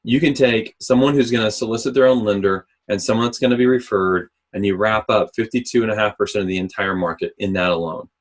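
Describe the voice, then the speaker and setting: A man giving a business presentation on recruiting to a sales team, asking them questions and often clearing his throat, close to the mic on a call. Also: fairly low pitch, steady tone, fast talker, few pauses. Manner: coaching, asks the audience questions. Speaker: mortgage recruiting trainer. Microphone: close mic, remote call.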